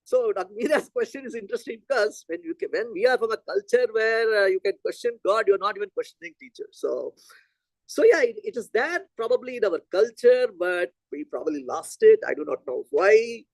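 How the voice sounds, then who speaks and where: The audio is poor, though there's no echo, as a middle-aged man from India, Telugu by mother tongue, lectures on physics. His voice is high-pitched and his pace brisk, and he talks animatedly and conversationally, thinking out loud.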